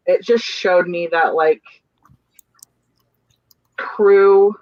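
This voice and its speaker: Over a dull, lo-fi video call line with no room sound, a young adult theater stage manager speaks in a dry, close, fairly bright voice at middle pitch. In this casual panel chat the talk meanders earnestly, with restarts and searching for words.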